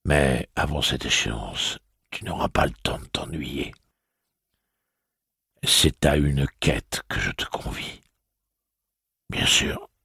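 A man doing a grim gunslinger, low gravelly voice, slow, stern and commanding. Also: sharp tone, dry recording, clean studio sound, exaggerated voice. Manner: harsh, commanding, solemn.

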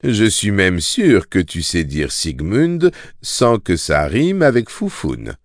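A man's voice: low voice, wildly swooping pitch, slow pace, no echo, studio quality, heavily acted. A man voicing a crude, sneering male jester who mocks and insults, in an audiobook reading. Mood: mocking. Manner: mocking, insulting.

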